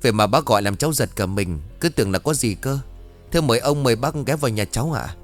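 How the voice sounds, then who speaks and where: A man's voice: mid-range voice, lively intonation, quick pace, faint music behind, close to an everyday voice. A man voicing a polite, cheerful young woman student who talks respectfully to her elders.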